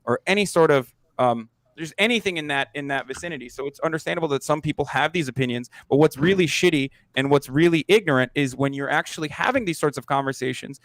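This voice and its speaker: A man's voice: on the high side, fast, few pauses, fairly bright tone, no echo. A man explaining his view earnestly in a podcast panel debate, with many fillers. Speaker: podcast guest. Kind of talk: heated panel argument.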